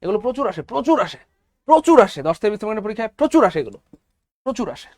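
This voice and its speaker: A man teaching English for job exams in an online lecture, energetic and repeating key words to his viewers. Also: high voice, rapid-fire, dry recording, studio quality. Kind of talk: online exam-prep lecture.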